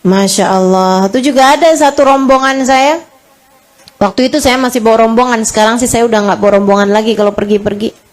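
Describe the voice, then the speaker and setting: A woman's voice: steady tone, a little fast. A middle-aged woman giving a casual religious lecture, telling stories and acting out dialogues. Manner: casual, chatty, acts out dialogues with pitch swings. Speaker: preacher.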